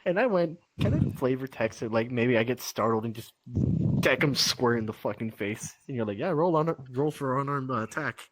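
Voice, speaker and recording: A man's voice: medium pitch, a little fast, no room sound, low-quality recording. A man telling tabletop game stories in a casual, rambling way, dropping in "right?" and swearing. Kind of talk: casual storytelling.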